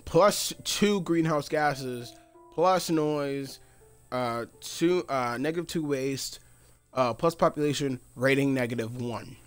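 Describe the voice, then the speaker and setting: A man's voice: mid-range voice, takes it slowly, clean tone, faint music behind. A man streaming a video game live, talking casually as he plays, muttering to himself and laughing often. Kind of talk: casual live gameplay commentary.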